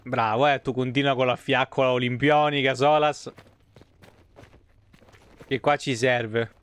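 A man's voice: mid-range voice, steady tone, a little slow, a bit bright, clean tone. A man with an Italian accent giving casual, sarcastic live commentary on a game he is playing, swearing freely and talking back at the characters. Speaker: gaming streamer.

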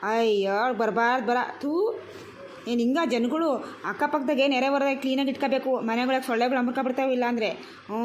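A woman's voice: on the high side, a little hiss or hum, natural voice. A woman voicing a quarrelsome homeowner in a cartoon comedy, scolding and cursing her neighbours. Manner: scolding, shouting curses at neighbours.

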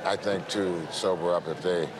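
A man's voice: sits low, steady tone, normal speed, crowd noise. A middle-aged man talking off the cuff as an airline supervisor, explaining a situation. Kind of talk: spontaneous explanatory talk. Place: large indoor airport gate. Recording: airport gate, loud music behind.

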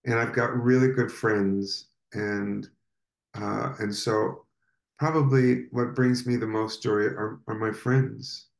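A man's voice: on the low side, fairly even intonation, slow, vocal fry, reverberant. A man, a guest in a casual interview, tells personal stories with many fillers and restarts.

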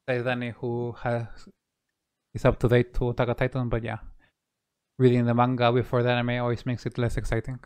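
Smooth-voiced man. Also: mid-range voice, monotone, brisk, a little mellow. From Chile. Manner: laid-back, hesitant with many fillers. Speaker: game developer. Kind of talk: casual live-stream chat.

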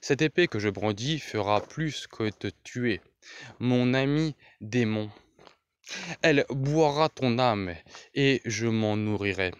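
A man's voice: mid-range voice, slow, clean tone, dull audio, lightly acted. A man doing Elric, haughty albino sorcerer prince. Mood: menacing. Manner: threatening, haughty declarations. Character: proud albino sorcerer prince, cold and menacing.

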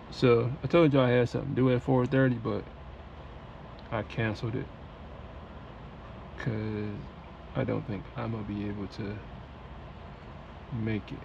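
Male trucker, vlog to camera, gravelly texture, chill slangy delivery, noisy cab behind. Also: medium pitch, dull audio. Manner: laid-back, slangy, chatty. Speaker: truck driver. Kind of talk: casual vlog talk to camera. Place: inside a truck cab at a warehouse.

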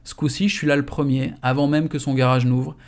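A man's voice: mid-range voice, level tone, fairly quick, darkish tone. Man reading a casual first-person novel. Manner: casual slangy storytelling. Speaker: audiobook reader.

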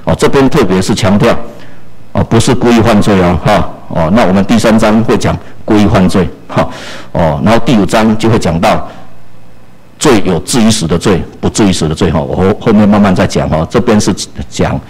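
A man preaching a sermon, animated and full of small fillers. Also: fairly low pitch, a little fast, husky, poor audio.

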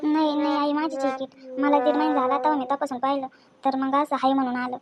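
A woman's voice: sits high, flat delivery, a little fast, crowd noise. A young woman playing a defensive, pleading daughter-in-law in a home drama.

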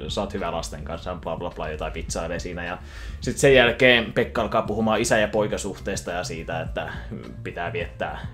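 A man casually retelling a cartoon film from memory, animated and quick to slip into voices. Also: low-pitched, soft background music. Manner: animated, breaks into voices and laughter. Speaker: YouTuber.

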